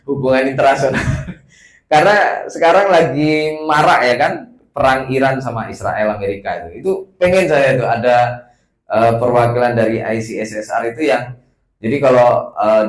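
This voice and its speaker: A man's voice: medium pitch, echoey room, poor audio. A man from West Sumatra whose Indonesian has a Javanese lilt, giving a casual, self-deprecating welcome speech as an institute's director, with many filler sounds. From Padang, West Sumatra. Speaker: executive director of a research institute.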